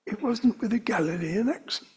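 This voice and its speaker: Preaching with a London accent, this older man drifts conversationally through his sermon before landing on emphatic stresses. He speaks at a moderate pace in a high, slightly mellow voice that is very breathy and frequently whispery.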